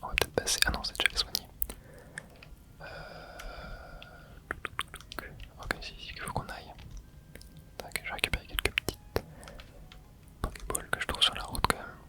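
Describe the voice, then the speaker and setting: A video creator whispers steadily and quietly, like someone up late at night, close to the microphone. It's casual, rambling ASMR game commentary, spoken at a moderate pace with long pauses as they think aloud.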